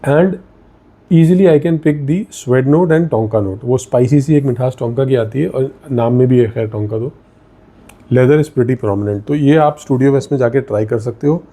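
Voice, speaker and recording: Indian man with a very dark, mellow voice. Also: medium pitch, measured pace. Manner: mixes Hindi and English, thinks aloud while sniffing. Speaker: perfume reviewer. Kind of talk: casual product review vlog.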